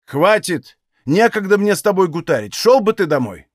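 A man reading as a grieving, bitter old Cossack mother who scolds in sharp rural speech. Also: high voice, sing-song, normal speed, no echo, clean studio sound. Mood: angry.

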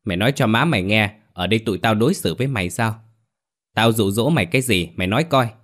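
A man voicing a fierce older woman who runs a theater troupe, scolding loudly and fast. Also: lowish voice, close to an everyday voice. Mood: furious. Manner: bossy, yelling, rapid scolding.

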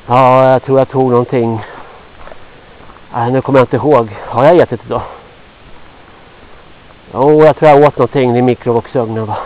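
A man in his sixties from Sweden rambling gruffly to himself on a walk through a forest, sweaty and a little out of breath. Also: medium pitch, steady tone, pauses often, darkish tone. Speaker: vlogger. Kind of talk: rambling walk-and-talk monologue. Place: outdoors in a forest. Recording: dull lo-fi outdoor recording.

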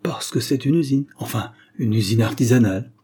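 A man voicing a calm, wry young male chemist who explains things dryly. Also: mid-range voice, a little fast, breathy edge, close to an everyday voice. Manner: dry, ironic explanations.

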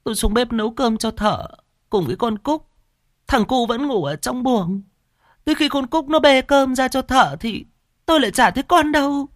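A man voicing a distraught middle-aged village wife who sobs and pleads in a shrill, high voice. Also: animated, moderate pace, no echo, clean studio sound. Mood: wailing.

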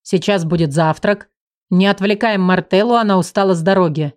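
A woman's voice: mid-range voice, a little fast, darkish tone, lightly acted. A woman voicing a fussy male house spirit who bosses children about. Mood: bossy. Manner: bossy, clapping to order children.

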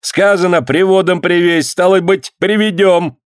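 A man voicing a gruff, commanding male government clerk who scorns the peasants. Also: high-pitched, steady tone, measured pace, dry recording, studio quality, pitched above the performer's own voice. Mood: scornful, commanding.

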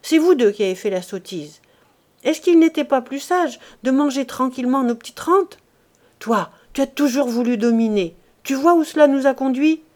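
Blustering coward of a husband, yelling accusations, put on by a woman reader. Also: high-pitched, lively intonation, moderate pace, pitched above the performer's own voice. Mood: furious. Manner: shouting, blaming, frantic. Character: angry cowardly middle-aged husband.

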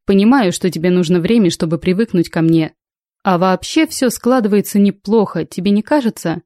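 Woman reading as a male space pirate, smug, stubborn, coaxing, warm voice, dry sound, audiobook. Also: mid-range voice, brisk, no room sound, close to an everyday voice. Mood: self-assured. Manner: coaxing and self-assured.

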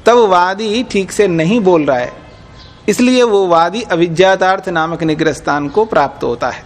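A man's voice: high-pitched, normal speed. A man teaching a class on Indian logic, explaining patiently with repeated examples and frequent check-ins with his students. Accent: Hindi. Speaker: teacher of Nyaya philosophy.

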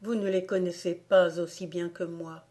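A woman's voice: on the low side, level tone, moderate pace, dark tone, close to an everyday voice. A woman reading aloud voices a lonely young boy who speaks in a sorrowful, bitter way. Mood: sobbing.

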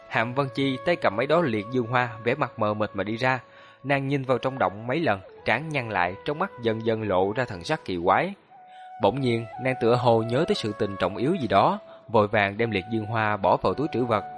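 A man reading a fantasy novel aloud in a steady, even storytelling manner. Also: mid-range voice, a little fast. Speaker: audiobook narrator. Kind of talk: scripted novel narration. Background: faint background music.

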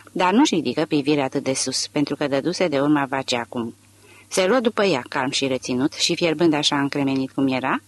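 An audiobook narrator giving a measured, even reading of long literary sentences. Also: medium pitch, no echo.

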